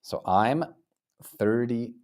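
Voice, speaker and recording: A man's voice: mid-range voice, slow, a little mellow. A man in his thirties teaching a live online English lesson. He keeps praising his students and drills phrases by repeating them. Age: 30s. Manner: encouraging, praises students often.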